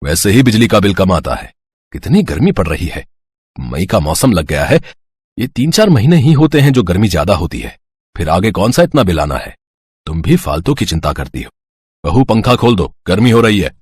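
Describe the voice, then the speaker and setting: An easygoing husband, voiced by a man in a cartoon, calmly talking his stingy wife round. His voice moves lively in pitch and sounds dry and close. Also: moderate pace, slightly rough, dry recording, exaggerated voice. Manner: calm, reasoning.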